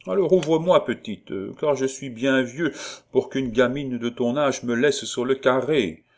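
A man's voice: medium pitch, measured pace, pitched above the performer's own voice. A man playing a sly, doting old colonel. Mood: coaxing. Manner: coaxing, falsely paternal.

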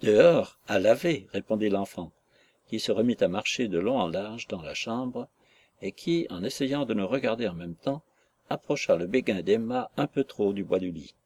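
A man narrating a classic novel in a measured, literary storytelling manner. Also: on the low side, expressive, a little mellow, slightly rough. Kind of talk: audiobook narration.

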